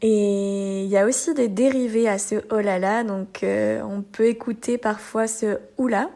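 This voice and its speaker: A woman with a French accent, maybe from Normandy, hosts a lesson podcast, explaining expressions and acting out lively examples with a laugh now and then. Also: medium pitch, a little slow, creaky. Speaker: French teacher.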